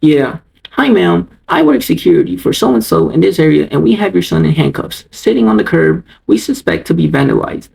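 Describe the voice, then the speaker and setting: A man mimicking a self-important male security guard in a storytime vlog, in a stiff, officious tone with a gravelly voice. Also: on the high side, animated, a little fast, darkish tone, exaggerated voice, poor audio.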